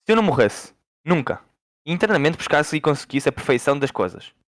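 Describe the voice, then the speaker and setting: A teenage boy from Portugal reading a long poem aloud for school in a steady, measured way. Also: a little high, no echo.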